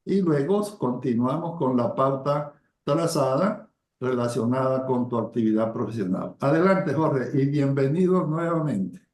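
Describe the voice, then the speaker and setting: Interview host in an echoey room. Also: male voice, medium pitch, measured pace, hardly any pauses, darkish tone. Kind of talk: interview questions.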